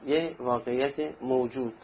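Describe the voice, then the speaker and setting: A man's voice: medium pitch, fairly even intonation, a little hiss or hum. A man preaching a sermon in a conversational way, acting out little anecdotes. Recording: dull lo-fi recording with faint ambience.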